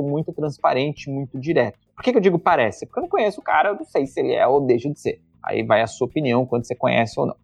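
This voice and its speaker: A man's voice: fairly high pitch, a little mellow, husky, no room sound. A man who teaches communication, speaking in an interview and explaining things emphatically and bluntly, sometimes swearing casually. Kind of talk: conversational interview, analytical.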